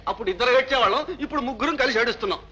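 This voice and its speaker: A man's voice: very high voice, very fast, bright, forceful tone, slightly rough, muffled recording, exaggerated voice. An actor playing an older husband who grumbles sarcastically to his wife, over film music. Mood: sarcastic. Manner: sarcastic, complaining. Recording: film soundtrack with faint music.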